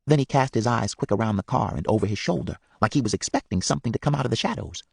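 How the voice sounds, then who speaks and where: Male audiobook reader, gravelly, husky, dry close sound. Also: medium pitch, dry recording. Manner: measured, expressive reading. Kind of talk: storybook narration.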